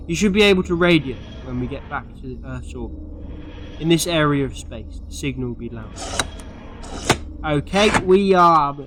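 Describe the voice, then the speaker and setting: Male actor as clever, playful alien adventurer for audio drama. Very animated, forceful, self-assured and theatrical. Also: on the high side. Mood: brisk, reassuring. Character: eccentric, cocky, clever male time-travelling alien adventurer. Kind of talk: sci-fi audio drama acting.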